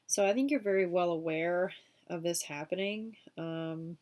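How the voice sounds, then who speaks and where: A woman with a cold gives a casual weekly tarot reading, sniffling as she goes. She's chatty and leans heavily on fillers like "um" and "you know," her lowish, slightly mellow voice moving at an unhurried pace.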